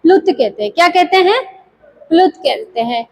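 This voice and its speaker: A woman teaching Sanskrit grammar in a classroom lecture. She asks questions and answers them herself, slowly repeating the key terms. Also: very high-pitched, animated, a little mellow, low-quality recording.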